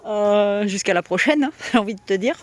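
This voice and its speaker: A woman talks casually outdoors by a henhouse, speaking in an easygoing, spontaneous way. She chats to her viewers and coos affectionately at her hens, in a voice of middling pitch. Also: lively intonation, fairly quick. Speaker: backyard poultry keeper vlogger. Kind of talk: casual vlog chat.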